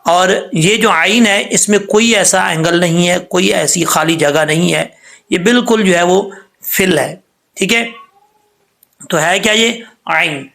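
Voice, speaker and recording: A man teaching Quran reading in a patient lesson, spelling out syllables slowly and checking often that the learner follows. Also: high voice, vocal fry, bright, forceful tone. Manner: patient, repeats each syllable slowly and asks "ٹھیک ہے؟" often. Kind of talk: recitation lesson.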